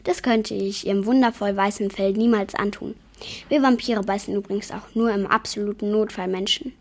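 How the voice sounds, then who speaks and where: A woman's voice: medium pitch, fairly even intonation, normal speed, natural voice. A woman voicing a courteous, charming male vampire count who speaks politely and reassuringly. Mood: gallant.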